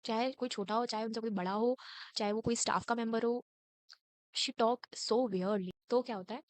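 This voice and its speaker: A woman in her late teens telling a school story in a casual, indignant way, switching between Hindi and English and mimicking a scolding teacher in sharp raised lines. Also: fairly high pitch, fairly even intonation, moderate pace, no room sound.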